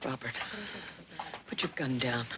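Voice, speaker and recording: A stern pioneer mother speaks in a low, steady voice. She pleads in firm, formal words. A loud tape hiss runs under her, as on a worn VHS copy. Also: a little slow. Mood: urgent. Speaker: frontier mother.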